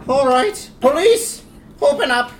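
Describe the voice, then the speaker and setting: Brash Irish police inspector played by a woman, loud and taunting, lively swooping voice. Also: a little high, slow pace, slight background noise. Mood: gloating. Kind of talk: amateur script read-through.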